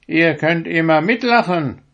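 A man's voice: a little high, measured pace, fairly bright tone, highs cut off, pitched above the performer's own voice. A man voicing a haughty, self-important male turkey cock in a storybook reading, speaking in a raised, mocking voice.

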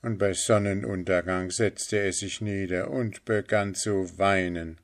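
Slow, low-voiced man reading a fairy tale. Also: fairly even intonation. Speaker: storyteller. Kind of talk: scripted fairy-tale narration.

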